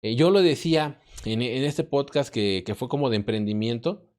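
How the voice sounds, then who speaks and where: Mexican man, mid-pitched, hesitant and reflective podcast guest. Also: expressive, moderate pace, darkish tone. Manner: reflective, hesitant, restarts often. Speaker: podcast guest, math and physics professor. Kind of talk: casual podcast conversation.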